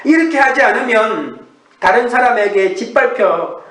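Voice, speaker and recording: A male pastor giving an earnest, measured early-morning sermon, asking rhetorical questions in a church sanctuary. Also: extremely high pitch, expressive, fairly bright tone, distant mic. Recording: echoey room, voice from off the mic.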